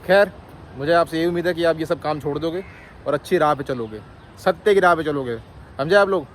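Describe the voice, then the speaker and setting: Vlogger man, slightly higher voice, mock-stern then chatty, phone mic, faint street noise. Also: fairly quick. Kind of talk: casual vlog talk to viewers.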